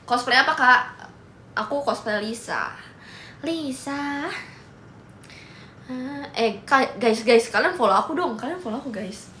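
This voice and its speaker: Young girl on a phone live stream, teasing and bubbly, a bit high, roomy echo. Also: expressive, normal speed, bright, forceful tone. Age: young adult. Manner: playful, teasing, mixes in English. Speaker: livestream host. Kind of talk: casual live chat reading comments. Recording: echoey room with faint noise.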